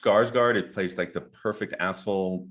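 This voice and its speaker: A man's voice: low-pitched, fairly even intonation, moderate pace, a bit bright. A young adult man co-hosting a podcast, laid-back and teasing as he debates movies. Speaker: podcast co-host. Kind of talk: casual film debate.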